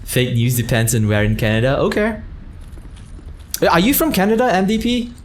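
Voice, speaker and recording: A man's voice: on the high side, normal speed, a little hiss or hum. A young man from Malaysia chatting casually on a game livestream, rambling between topics and thanking viewers by name. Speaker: streamer.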